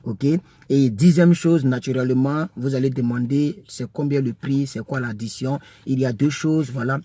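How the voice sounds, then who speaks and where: A man teaching English words to French speakers in a casual lesson, repeating each word slowly and chatting with many fillers. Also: medium pitch, warm tone. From French-speaking country.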